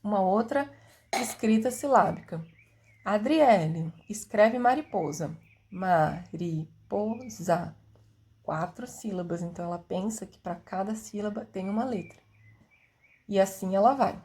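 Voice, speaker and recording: A woman with a mid-range pitch teaches a lesson on how children learn to write. She explains in a clear, didactic way. She sounds out syllables and acts out a child's reasoning. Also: moderate pace, a little mellow. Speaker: teacher explaining literacy theory.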